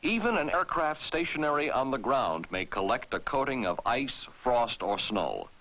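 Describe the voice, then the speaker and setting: An American man's narration for a 1960s military training film comes from a vintage soundtrack, formal, authoritative and clearly spoken. He has a medium pitch, a sing-song lilt, and a fairly bright tone at normal speed. The recording is low quality.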